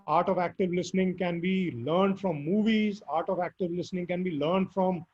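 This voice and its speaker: Man, hoarse, squeaky high voice, earnest, emphatic, dull lo-fi sound. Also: moderate pace, a little mellow. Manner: earnest, emphatic advice with fillers. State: hoarse, squeaky voice after illness. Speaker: guest speaker. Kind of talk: interview answers. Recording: dull lo-fi audio.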